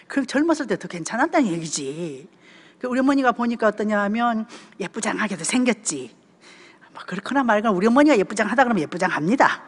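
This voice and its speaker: A woman's voice: medium pitch, long reverb tail. A woman in her seventies with a Gyeongsang accent, telling stories in a church seminar talk and often checking in with the audience. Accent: Gyeongsang Korean. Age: 70s. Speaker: church deaconess giving a family seminar talk. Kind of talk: conversational sermon talk.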